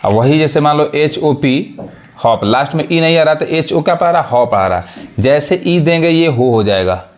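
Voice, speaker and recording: Higher-voiced man teaching a lesson. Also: lively intonation, moderate pace. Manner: repeats check questions, spells words letter by letter. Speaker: English teacher. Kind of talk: spoken classroom lesson.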